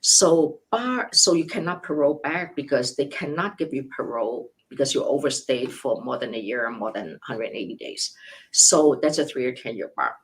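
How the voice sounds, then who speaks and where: A woman's voice: very deep voice, expressive, normal speed, low-quality recording. An older woman, an immigration lawyer, answering questions live. She explains step by step in numbered points with worked examples, often restarting and correcting herself. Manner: frequent restarts and self-corrections.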